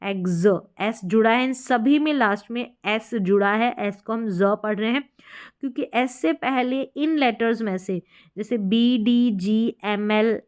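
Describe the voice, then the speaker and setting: Female teacher, patient and deliberate, repeats each example word and poses questions to the learner. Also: on the high side, a little mellow, clear, resonant tone. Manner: slow, deliberate drilling of example words with questions to the viewer. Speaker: English pronunciation teacher. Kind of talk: classroom-style lesson explaining spelling rules.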